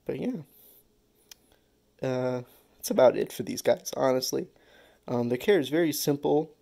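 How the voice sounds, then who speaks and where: A man with a gravelly, mellow voice hosts a casual pet care vlog. He rambles in a relaxed way, with lots of "um"s and "uh"s between thoughts. His pitch sits in an ordinary middle range. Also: unhurried. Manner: relaxed, rambling with many fillers. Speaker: pet-keeping channel host.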